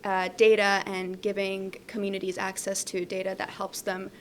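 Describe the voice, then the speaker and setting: A woman's voice: medium pitch, monotone, moderate pace, a little hiss or hum. A young woman from Iran, a guest data scientist, chatting relaxedly about her background. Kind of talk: casual interview answers.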